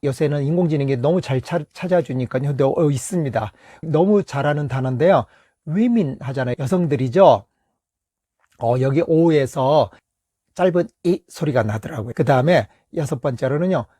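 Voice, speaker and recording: A middle-aged man teaching English vowel pronunciation in a patient, step-by-step way, pausing often and stretching out example words. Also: fairly high pitch, slightly rough, dry recording, clean studio sound. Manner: patient, steady explaining with many pauses and fillers; reads words slowly and stretches them as examples. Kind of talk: explanatory lesson.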